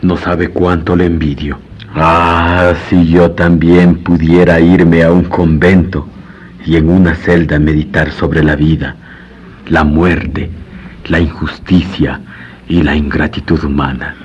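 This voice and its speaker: A man's voice: rumbling low, flat delivery, takes it slowly, slightly rough, full character voice. A man playing a grave, world-weary lawyer in a radio drama, formal and brooding. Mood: grave, troubled. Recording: dull lo-fi radio recording.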